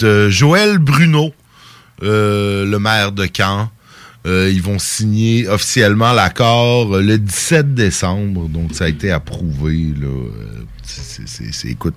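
A man with a Québécois accent hosting a radio show, reading local news in a casual, hesitant way with many fillers. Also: fairly low pitch. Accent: Québécois French. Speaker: radio host.

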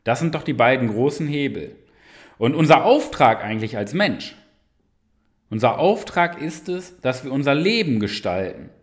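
A man's voice: medium pitch, very animated, moderate pace. A man coaching the listener in a motivational monologue, emphatic and direct, often tagging on rhetorical questions. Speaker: self-help coach.

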